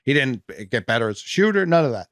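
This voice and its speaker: A man with a Boston accent hosts a casual sports podcast, talking fast and animated, swearing freely and restarting his sentences. His voice sits at a middling pitch. The sound is close and dry, with no room echo. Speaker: podcast host.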